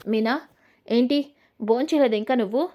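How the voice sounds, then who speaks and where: A woman voicing a caring young husband who looks after his wife and teases her gently. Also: a little high, normal speed, muffled recording, natural voice. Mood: concerned.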